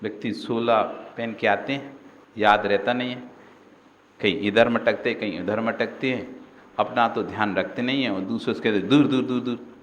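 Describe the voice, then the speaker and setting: A man, a Jain monk, giving a sermon that swings between acted-out shouted scolding and soft, gentle advice. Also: on the low side, fairly even intonation, a little hiss or hum. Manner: acts out scolding and gentle voices in quick swings. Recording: long hall reverb.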